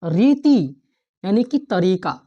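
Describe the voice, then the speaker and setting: Slow, deliberate woman teaching grammar. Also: mid-range voice, very animated, dark tone, lo-fi sound. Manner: asks the class questions and repeats key terms. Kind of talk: exam-prep online lesson.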